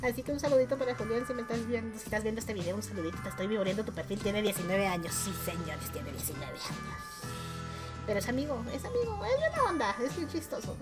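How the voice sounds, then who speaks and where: A chatty Mexican woman with a somewhat high voice rates her friends' game profiles in a relaxed, teasing way and laughs often. Faint music plays underneath her talk. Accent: Mexican Spanish. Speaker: gaming YouTuber. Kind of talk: casual chat while rating game profiles.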